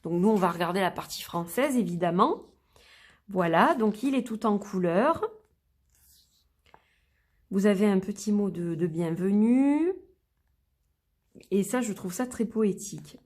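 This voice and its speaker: A woman reviewing an oracle card deck in a gentle, admiring way, reading the booklet aloud and naming each card. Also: mid-range voice, lively intonation, unhurried, long pauses. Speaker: card reader presenting a deck. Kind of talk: unboxing and review.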